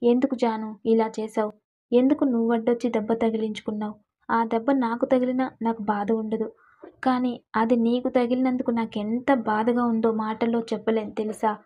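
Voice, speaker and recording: A woman voicing a fiercely devoted young man in a storybook romance, speaking low and intensely, on a dull lo-fi recording. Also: little pitch movement, moderate pace, natural voice. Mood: tender.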